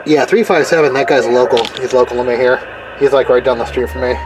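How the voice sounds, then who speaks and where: Tinkering with car radio gear, a man talks informally and thinks out loud for his hobby video. He speaks quickly in a mid-range voice with fairly even intonation, and background vehicle and ambient sounds come through clearly.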